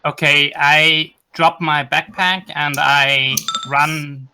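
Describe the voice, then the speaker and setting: A man's voice: a little high, level tone, slow, background noise. A man playing a tabletop game, eagerly declaring his character's actions. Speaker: player.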